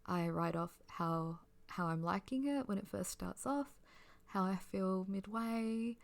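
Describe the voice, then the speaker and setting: A young woman rambles sleepily in a soft-spoken ASMR style. Her voice is breathy and often close to a whisper, with a lot of fry and creak at a middling pitch. She drifts along casually and without hurry. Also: measured pace. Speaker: ASMR creator giving a personal ramble.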